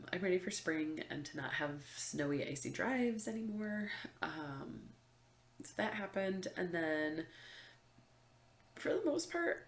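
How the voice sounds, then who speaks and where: Talking to camera in an indoor room with an open window, this young woman sounds congested, her deep voice gravelly and the room reverberant. She vlogs in a chatty way, laughing a lot and peppering her talk with ums and likes.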